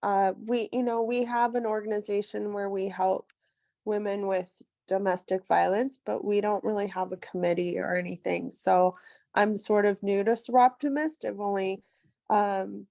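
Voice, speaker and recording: A woman's voice: mid-range voice, fairly even intonation, normal speed, vocal fry, mellow, dry recording. Hesitant woman with a dry, close sound. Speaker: new club member. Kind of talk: casual self-introduction to a group.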